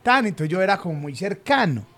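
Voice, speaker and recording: A man's voice: high voice, big pitch swings, fairly quick, pushed and bright. A young Colombian man from the Medellín area, co-hosting a podcast and telling a funny anecdote with slang and sound effects. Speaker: podcast co-host. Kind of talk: casual storytelling chat.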